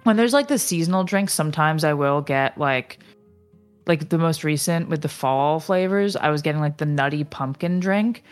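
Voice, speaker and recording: A woman in her twenties co-hosting a podcast in casual chat, chatty and quick, full of fillers and laughter. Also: low-pitched, soft background music. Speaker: podcast co-host.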